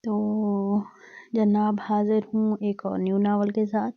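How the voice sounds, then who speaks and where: A woman reading a novel aloud in a steady, even storytelling manner after greeting her channel's audience. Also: medium pitch, slow, creaky, no echo. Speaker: audiobook narrator. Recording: dull dry recording.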